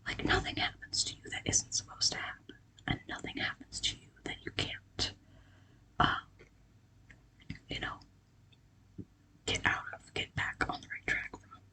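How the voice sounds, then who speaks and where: Whispered ASMR pep talk, breathy and bright. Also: low-quality recording. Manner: casual, halting, reassuring encouragement. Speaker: ASMR creator.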